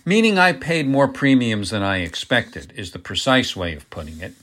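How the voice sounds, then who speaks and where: A man's voice: mid-range voice, big pitch swings, normal speed, a bit bright. A man reading the part of a pompous, cornered middle-aged businessman who grows defensive and flustered when pressed. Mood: smug.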